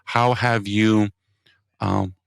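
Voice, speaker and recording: A man with a creaky, fairly low voice puts thoughtful questions as an interviewer. He pauses often to search for words, and the sound is close and dry. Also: fairly even intonation, no room sound. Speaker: radio host, interviewer.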